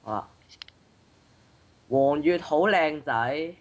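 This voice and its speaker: A woman's voice: low-pitched, takes it slowly. A young woman with a Hong Kong Cantonese accent, speaking casually and playfully as co-host of a challenge video. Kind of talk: casual chat, reading out challenge phrases.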